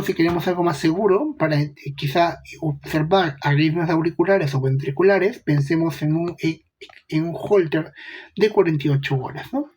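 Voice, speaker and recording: A man's voice: a little high, a little mellow, breathy edge. A young man giving a casual medical lecture, chatty, with rhetorical questions and slangy asides.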